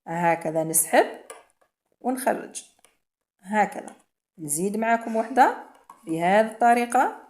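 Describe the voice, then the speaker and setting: A woman's voice: medium pitch, darkish tone. A woman with an Algerian Arabic accent teaching knitting step by step, patiently repeating instructions for beginners. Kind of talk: step-by-step craft tutorial.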